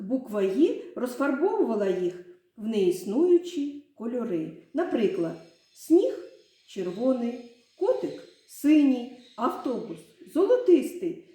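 A woman's voice: a little high, warm tone. A woman teacher leading a children's literacy lesson, telling a short story and coaxing the class through sound drills in a sing-song, encouraging way. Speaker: primary school teacher. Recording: very echoey room.

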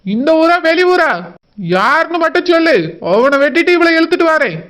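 A woman with a Kanyakumari Tamil accent voicing a hot-tempered grown son who talks gruffly and bluntly. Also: very high-pitched, animated, normal speed, a bit bright, voice pushed down. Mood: furious.

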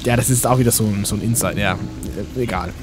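A let's play host rambles through casual game commentary, talking both to himself and to the characters on screen. His voice is fairly low and he talks quickly, with game music playing behind him.

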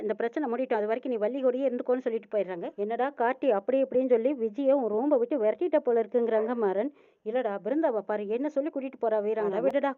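A woman's voice: fairly high pitch, dry recording. A woman retelling a TV serial episode, voicing each character's lines as she tells the story. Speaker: serial recap narrator. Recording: tinny phone-like sound, dry.

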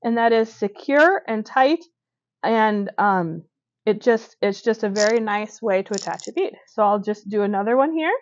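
A stitching instructor talks through a beaded edging stitch while she works at a table indoors, with fillers and little self-corrections along the way. Her mid-range voice has lively intonation and a normal speed. The recording sounds muffled.

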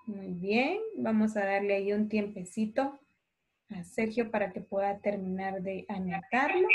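A woman teaching a primary class over a video call, patient and affectionate, dictating words slowly and clearly. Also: medium pitch.

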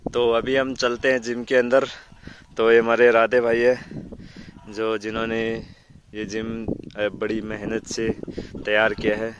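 A man's voice: lowish voice, completely flat delivery, measured pace, a little hiss or hum. A man in his thirties giving a casual gym tour outdoors, explaining steadily to viewers. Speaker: visiting fitness vlogger. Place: outdoor village gym in sandy fields.

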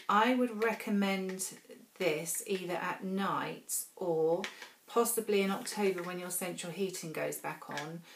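A woman's voice: on the low side, a little hiss or hum. A middle-aged woman chatting casually through a product review, rambling with friendly asides. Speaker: beauty vlogger. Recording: roomy echo.

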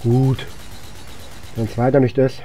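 Game music plays behind a man whose coughing has left his voice weak as he hosts a gaming video. He mutters brief comments in a flat, slow, mellow mid-range voice, and there's a little hiss or hum.

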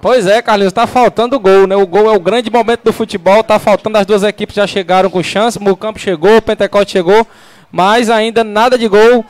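Fast, high-pitched male football pundit. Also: steady tone, clean tone. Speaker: football pundit alongside the commentator. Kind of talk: chatty radio match commentary.

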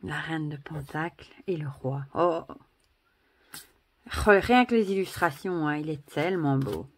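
In a casual vlog, a woman with a Belgian French accent chats and gushes as she shows things to the camera, full of exclamations and asides. Her voice sits low and her pace is a little slow.

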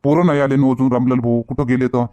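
A man's voice: mid-range voice, level tone, quick pace, warm tone. A man acting in a village comedy skit, talking in a bossy, grumbling way. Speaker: comedy sketch actor.

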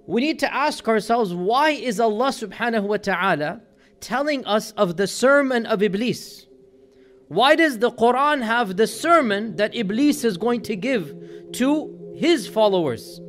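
A man giving an earnest religious lecture, explaining a scripture passage with emphatic, building delivery. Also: sits high. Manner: earnest, emphatic, voices quoted crowds with rising intensity. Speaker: Islamic lecturer.

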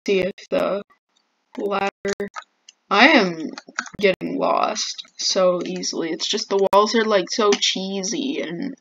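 A woman's voice: medium pitch, fairly even intonation, slow pace, a little hiss or hum. A woman commenting while she plays a game, jumpy and easily flustered, often exclaiming. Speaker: gamer. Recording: dull lo-fi mic.

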